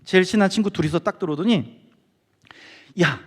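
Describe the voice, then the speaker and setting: A middle-aged man giving a testimony sermon as guest speaker, telling his story with animated storytelling and acting out quoted friends. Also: sits high, a little fast. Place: church sanctuary. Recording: long hall reverb.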